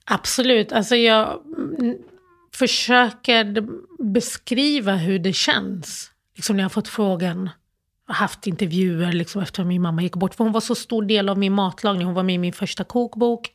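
Halting Swedish woman recalling a loss. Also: medium pitch, steady tone. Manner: halting, many fillers and restarts, acts out past phone calls. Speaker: interview guest. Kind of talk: personal interview, emotional storytelling.

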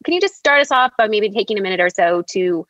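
A woman's voice: mid-range voice, lively intonation, quick pace, a bit bright, no echo, lo-fi sound. A woman hosting a podcast, introducing the conversation in a casual, conversational style. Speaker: podcast host.

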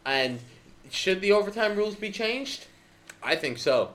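A man with a bright, sharp voice and a lively, up-and-down pitch gives blunt opinions in casual sports talk. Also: measured pace. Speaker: podcast co-host.

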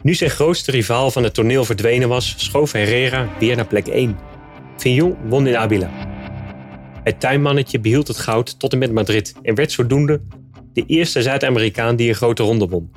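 Give me a man with a medium-pitched voice reading a scripted narration at a steady, even pace. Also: moderate pace, faint music behind.

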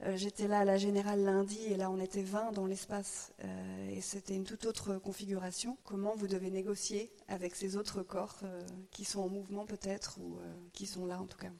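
Mellow, even-toned woman moderator. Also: medium pitch, normal speed, gravelly, hardly any pauses. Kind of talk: interviewing artists in a public discussion.

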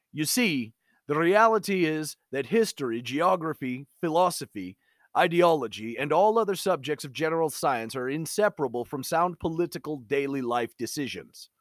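A man's voice: fairly high pitch, no echo, clean studio sound, close to an everyday voice. A man putting on a Slavic accent to voice an indignant Eastern European man reading his letter aloud, in a scornful, declamatory way. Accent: put-on Slavic.

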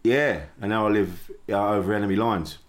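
Lowish-voiced south-east English man hosting, sweary. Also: a little fast. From Kent, south-east England. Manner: blokey, sweary, chipper banter. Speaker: podcast host. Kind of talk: casual chat.

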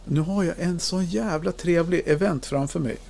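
A man's voice: a little high, creaky, a little mellow. A man in his fifties hosting a podcast, chatting casually, joking and swearing easily. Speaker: podcast host.

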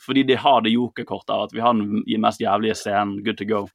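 A man co-hosting a podcast, retelling a film in a lively, casual way, acting out quotes and swearing freely. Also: fairly low pitch, vocal fry, no room sound, studio quality. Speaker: podcast co-host.

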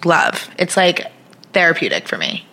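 A woman's voice: lowish voice, big pitch swings, normal speed, pushed and bright, whispered. A woman chatting as a podcast guest, loose and laughing, with lots of fillers. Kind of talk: casual chat.

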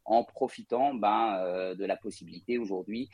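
A Parisian man with a lowish, darkish, slightly rough voice speaks at a moderate pace in a dry recording. He cofounded a real estate company and, as an interview guest, tells his career story fluently but with many hesitation fillers.

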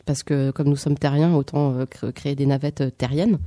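A woman's voice: rumbling low, steady tone, moderate pace, warm tone, no echo, studio quality. A woman talking in a casual radio chat, rambling with many fillers and restarts. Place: radio studio.

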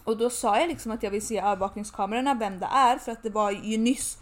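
A woman's voice: a little high, fairly even intonation. A young woman co-hosting a podcast, telling a story in casual chat, chatty and swearing freely. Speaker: podcast co-host.

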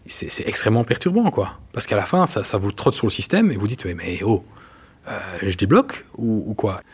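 A man, telling personal stories in an earnest, halting way with many fillers. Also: fairly low pitch, expressive, husky. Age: 40s. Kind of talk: casual testimony.

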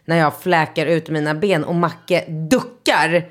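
A woman in her thirties, co-hosting a casual podcast, telling a story in a giggly, animated way and swearing freely. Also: sits low. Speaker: podcast co-host. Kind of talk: casual chat, anecdote telling.

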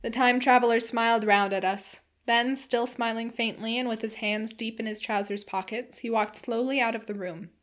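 A woman narrating a classic novel in a measured, steady storytelling voice. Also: mid-range voice. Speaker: audiobook reader.

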